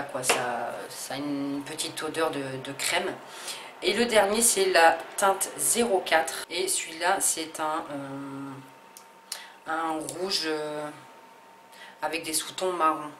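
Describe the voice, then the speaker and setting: Reviewing her beauty haul, this low-voiced vlogger sounds slow and fairly bright, her casual talk hesitant and full of restarts and fillers. Echo from the room surrounds her voice, along with a faint hum of ambience.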